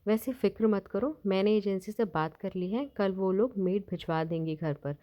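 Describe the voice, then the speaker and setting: A woman's voice: mid-range voice, moderate pace, natural voice. A woman voicing a kind young sister-in-law who speaks in an apologetic, reassuring way, in a storybook tale on a dull lo-fi recording.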